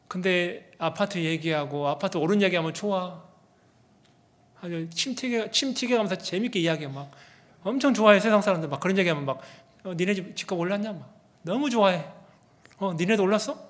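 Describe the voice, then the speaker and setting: A man preaching a sermon as pastor, animated and asking the congregation rhetorical questions. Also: high voice. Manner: animated, acts out quoted people in their own voices.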